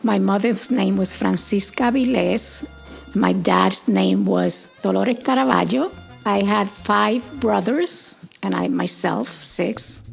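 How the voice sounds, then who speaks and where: Gravelly older woman. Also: mid-range voice, faint music behind. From Puerto Rico. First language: Spanish. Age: 70s. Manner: gentle, unhurried, with thoughtful pauses and "uh"s. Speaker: interviewee, grandmother. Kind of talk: reflective storytelling.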